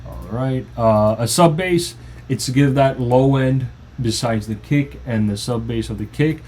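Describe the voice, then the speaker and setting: A man's voice: medium pitch, unhurried, darkish tone, slight background noise. Casual man walking through his track. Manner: loose, informal explaining with restarts. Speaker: music producer. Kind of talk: casual tutorial walkthrough. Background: faint music playing.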